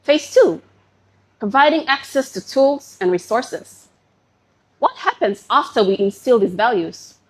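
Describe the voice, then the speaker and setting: Young woman, slightly high-pitched, poised pageant answer, formal speech, deliberate phrasing, from Papua New Guinea. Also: lively intonation, husky. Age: young adult. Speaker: pageant contestant.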